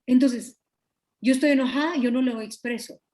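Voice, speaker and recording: A woman, a pastor's wife, teaching a Bible study over a video call with a Guatemalan Spanish accent, earnest and confiding, often clearing her throat. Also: high-pitched, normal speed, mellow. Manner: earnest, confiding, acts out quoted dialogue.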